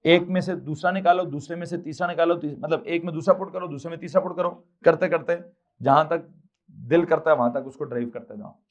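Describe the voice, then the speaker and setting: A male physics teacher with a Pakistani Urdu accent, lecturing a class and firing off questions he answers himself. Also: a little high. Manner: quizzing, answers his own rapid questions.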